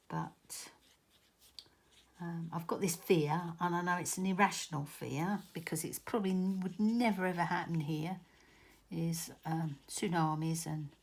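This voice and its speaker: A woman's voice: sits low, breathy edge. A middle-aged woman with a southern English accent, chatting her way through a card-making tutorial with rambling, self-correcting asides. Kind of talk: casual crafting tutorial.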